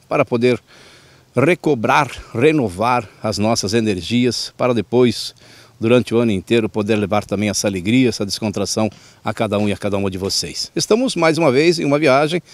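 Male host, enthusiastic presenter, mid-pitched, dry close sound. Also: no room sound. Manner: chatty, enthusiastic, lots of tag questions. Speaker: TV show host. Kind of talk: upbeat presenter address.

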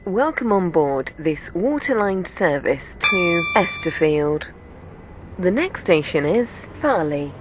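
A woman voicing a scripted train announcement as a formal onboard announcer, with measured delivery. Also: on the low side, very animated, slight background noise. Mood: formal, neutral.

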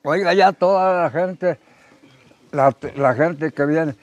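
A man's voice: fairly high pitch, slow pace, a little mellow, dry recording, dull audio. Plainspoken old man. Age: older. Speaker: elderly man being visited. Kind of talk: casual chat.

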